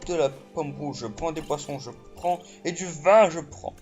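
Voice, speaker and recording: Excitable swearing gamer guy. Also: a little high, moderate pace. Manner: excitable, swears, many fillers. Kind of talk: let's play commentary. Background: game music.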